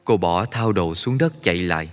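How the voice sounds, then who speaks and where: A man narrating a story in a steady, measured way. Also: deep voice. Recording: long reverb.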